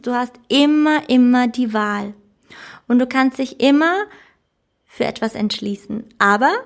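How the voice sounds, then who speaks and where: A woman's voice: a little high, creaky. A woman coach giving an earnest, emphatic self-help talk, who laughs at her own slips. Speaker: life coach. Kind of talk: motivational self-help monologue.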